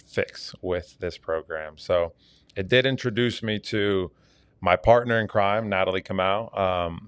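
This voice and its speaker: A man's voice: deep voice, clean tone, no room sound. A man from Argentina, a fitness coach, talking earnestly as a podcast guest with many fillers. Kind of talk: casual interview talk.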